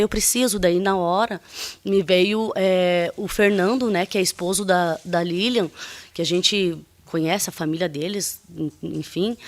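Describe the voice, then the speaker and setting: A woman giving emotional courtroom testimony, halting and full of restarts. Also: medium pitch. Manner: emotional, voice rising as she recounts. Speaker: defendant testifying at a hearing.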